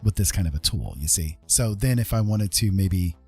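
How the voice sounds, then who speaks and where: A deep, husky male voice, animated and somewhat dark in tone, moves at a moderate pace over faint music. He's a streamer teaching digital art live, keeping things easygoing and informal and ending points with quick check-in questions.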